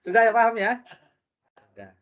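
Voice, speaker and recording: A man teaching a religious class, lively and joking, often putting questions to his listeners. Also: extremely high pitch, moderate pace. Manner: lively, jokey, asks the audience questions. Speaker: preacher. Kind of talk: interactive religious lesson. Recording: dull lo-fi recording.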